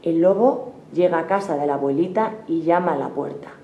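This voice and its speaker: Woman narrator, fairy tale, slow clear sentences, mellow tone, roomy echo, faint rumble. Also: muffled recording.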